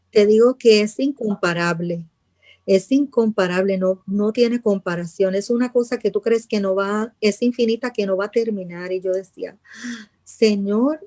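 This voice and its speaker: Woman with a mellow, earnest voice. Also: mid-range voice. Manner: earnest, repeats phrases, drops to soft voice when praying. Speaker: interviewee telling her illness testimony. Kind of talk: emotional personal testimony.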